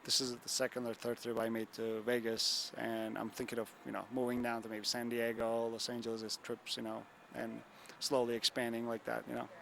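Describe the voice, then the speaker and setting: With a completely flat, gravelly, fairly bright mid-range voice, a young Turkish photographer talks a little fast while interviewed at a bar and grill. His answers ramble, thick with fillers and "you know what I'm saying," over slight background noise.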